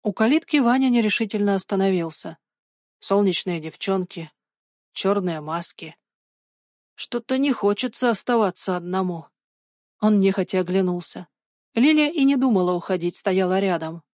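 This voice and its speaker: A woman narrating an audiobook of a spooky children's story in a measured, suspenseful way. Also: mid-range voice, lively intonation, a little mellow, no room sound, clean studio sound.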